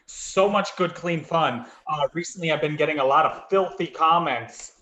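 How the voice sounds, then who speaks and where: Guy doing a prim earnest caller, kinda high, bright sharp voice. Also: moderate pace. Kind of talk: improv comedy call-in.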